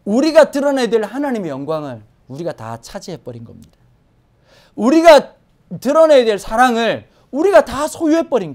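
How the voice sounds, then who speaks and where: A woman pastor preaching a Sunday sermon in a church, swinging from hushed asides to emphatic exclamations. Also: on the high side. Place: church sanctuary.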